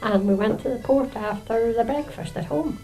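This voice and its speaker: An older woman with a Northern Irish accent shares memories in casual, homely phrases. Her voice is dark and soft-edged with some creak, pausing and hesitating as she goes. Faint music sits behind her. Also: fairly high pitch. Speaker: local resident sharing memories. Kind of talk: reminiscing, casual storytelling.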